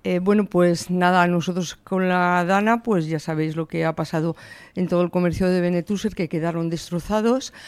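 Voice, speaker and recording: A Valencian shop owner in her sixties answers interview questions earnestly and emphatically, at times quoting her own words. Her voice is fairly low and darkish, clear and resonant, with fairly even intonation at a moderate pace. There's no echo.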